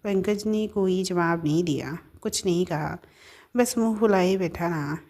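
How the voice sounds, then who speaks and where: A woman storyteller reading a scripted family audio story at a steady pace, now and then correcting herself. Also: lowish voice, a little slow.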